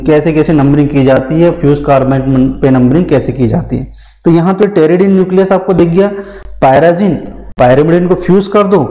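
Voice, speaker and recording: A man with a fairly high, mellow voice teaches a pharmacy class at a whiteboard, explaining step by step, repeating key terms, answering his own questions, and calling students "beta." The recording is rough.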